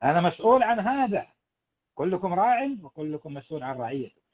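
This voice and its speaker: A man's voice: high-pitched, quick pace, muffled recording. A man giving a live parenting talk, preachy and emphatic, speaking straight to his listeners. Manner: animated, preachy, emphatic, addresses listeners directly. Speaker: parenting coach.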